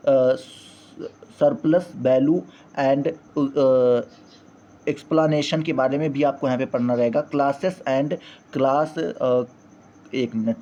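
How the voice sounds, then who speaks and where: A man's voice: mid-range voice, mellow. A man teaching, going through a course syllabus point by point. He often stumbles and restarts on English terms and keeps repeating the same stock phrases. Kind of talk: syllabus walkthrough lesson. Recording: slightly dull lo-fi audio.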